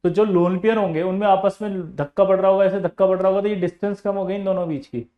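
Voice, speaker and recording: A male chemistry tutor, lecturing his class in a high, animated voice. He teases and scolds students between explanations. He drives points home with repeated, everyday examples. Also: fast talker, narrow, tinny audio. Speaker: chemistry coaching teacher.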